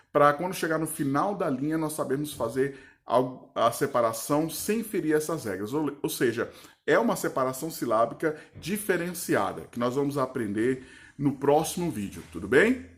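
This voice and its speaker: A male teacher with a voice pitched a little high. He teaches a grammar lesson didactically, often pausing to ask if the viewer is following. He draws words out slowly when he breaks them into syllables.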